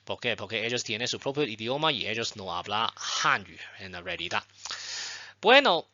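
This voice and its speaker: Bright-voiced man teaching in Spanish. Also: fairly low pitch, big pitch swings, no echo, dull audio. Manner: explains slowly with repetitions and frequent "bueno" and "ten cuidado". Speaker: Chinese language teacher. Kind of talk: online language lesson.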